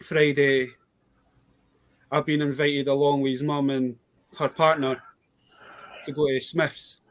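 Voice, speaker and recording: A man's voice: medium pitch, little pitch movement, takes it slowly. A man with a British accent chatting casually about toy bargains in a rambling, storytelling way. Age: adult. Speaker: toy collector guest. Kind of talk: casual live chat.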